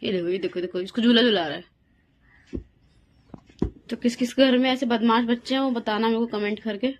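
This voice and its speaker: A woman's voice: a little high, a little fast, slight background noise. Young mom vlogging at home, chatty, sing-songy with her kid, kinda dull phone sound. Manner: chatty, coaxing her toddler in a sing-song voice. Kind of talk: casual home vlog. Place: home rooms, indoors.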